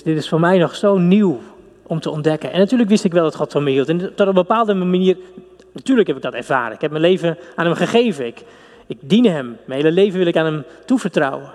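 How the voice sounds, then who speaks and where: A man's voice: on the high side, darkish tone. Fervent man preaching in a hall. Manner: fervent, intimate preaching with pauses. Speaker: pastor. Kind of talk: sermon and prayer. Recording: long hall reverb.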